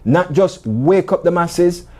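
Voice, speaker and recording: A man hosting an interview show, talking in a relaxed, halting way and often restarting his sentences. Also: high-pitched. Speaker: host. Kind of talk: casual interview talk.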